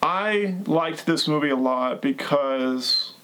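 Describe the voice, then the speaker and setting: Chatty man, fairly high voice, rambling. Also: slow, fairly bright tone, clear, resonant tone, poor audio. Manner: rambling, lots of fillers like "like". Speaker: podcast host. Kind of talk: casual chat about a movie.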